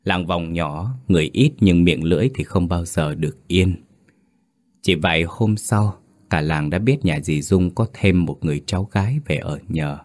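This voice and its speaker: A man with a very deep, low voice narrates a scripted horror story. His delivery is measured and dramatic, unhurried through each phrase.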